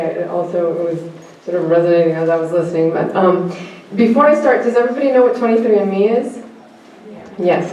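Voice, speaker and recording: A woman's voice: on the low side, mellow. A woman speaking at a panel, reading a reflective personal essay with light humor and asking the audience questions. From United States. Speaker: conference speaker. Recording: echoey hall, distant mic.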